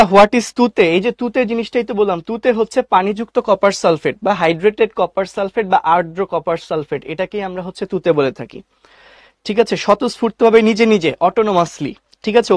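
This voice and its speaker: High-voiced young man teaching a class. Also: dry recording. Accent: Bangladeshi Bengali. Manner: asks questions and answers them himself; mixes English words into his speech. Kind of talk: online class lecture.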